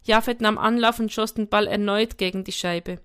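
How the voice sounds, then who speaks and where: A woman reading a first-person story aloud in a lively, expressive way. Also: medium pitch, normal speed, clean tone. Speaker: audiobook reader. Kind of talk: first-person scripted narration.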